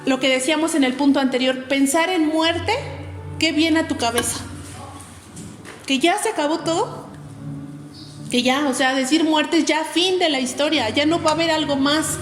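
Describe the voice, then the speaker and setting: A woman preaching to young people in an earnest, conversational way, full of fillers. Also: high-pitched. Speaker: youth preacher. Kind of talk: youth sermon. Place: church hall. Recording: echoey hall with faint ambience.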